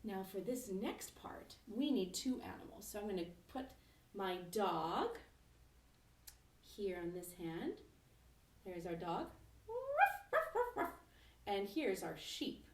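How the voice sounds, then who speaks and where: A woman music teacher leading a children's lesson at home, speaking gently and encouragingly and singing slow, simple verses. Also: mid-range voice, expressive. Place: home, kitchen nearby. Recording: roomy echo from a distance.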